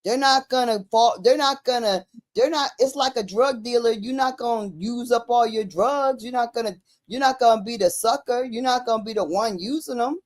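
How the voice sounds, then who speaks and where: A woman's voice: on the high side, moderate pace, hardly any pauses. Woman in emphatic, slangy casual conversation.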